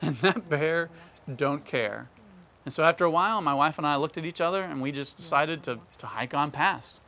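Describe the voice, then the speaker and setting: A man's voice: a little high, normal speed, pushed and bright. A man, an outdoors vlogger, telling a hiking story and talking straight to his viewers in a casual way. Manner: conversational, addresses viewers directly.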